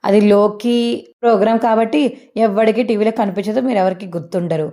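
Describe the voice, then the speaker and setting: A woman's voice: mid-range voice, steady tone, fast, mellow, natural voice. A woman voicing a jealous young man who scoffs at others' win. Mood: scoffing. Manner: dismissive, scoffing.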